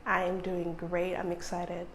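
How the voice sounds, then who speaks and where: A woman's voice: on the low side, monotone, measured pace, a little hiss or hum. Earnest woman interpreter speaking steadily. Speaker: sign language interpreter. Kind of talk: spoken interpretation in first person.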